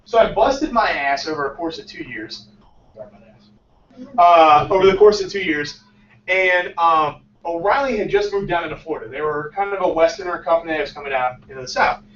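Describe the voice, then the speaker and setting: Telling his startup story to a crowded small meeting room, a founder in his late twenties acts out every exchange with plenty of bounce, laughing often and talking a little fast. His voice is high for a man. A distant camera with no visible mic picks him up, so the sound is roomy and slightly dull, with a faint hum behind it.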